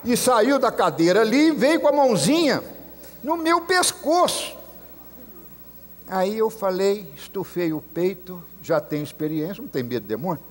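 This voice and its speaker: A man's voice: high-pitched, lively intonation, moderate pace. A man with a Brazilian Portuguese accent, a messianic rabbi preaching a sermon, telling stories and acting out the voices he quotes. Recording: long hall reverb.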